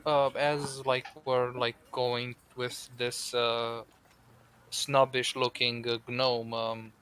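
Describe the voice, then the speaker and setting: A man's voice: medium pitch, flat delivery, takes it slowly, fairly bright tone, clear, resonant tone. A man playing in a tabletop role-playing game, talking casually with hesitations and fillers. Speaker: player.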